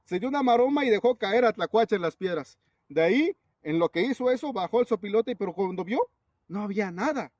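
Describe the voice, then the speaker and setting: A man with a Mexican Spanish accent, a native Zapotec speaker, tells a folk tale. His voice sits high for a man, and he talks in a relaxed, conversational way. It is recorded close and dry. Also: a little fast, dry recording. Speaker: teacher and storyteller.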